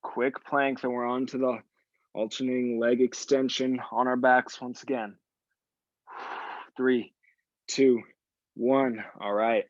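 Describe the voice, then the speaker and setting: Delivering his cues flatly at a slow pace with frequent pauses, a fitness instructor speaks in a mid-range voice. There's no room sound and the highs are cut off. Coaching a live class, he breathes with exertion, sighs audibly, and keeps offering the group short, repeated praise.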